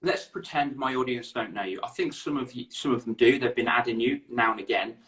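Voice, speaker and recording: Upbeat English male host, middle pitch, chatty, slight stutter on restarts. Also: fairly quick, fairly bright tone, distant mic. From England. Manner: upbeat, chatty, repeats words. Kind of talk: online interview. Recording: echoey room, away from the mic.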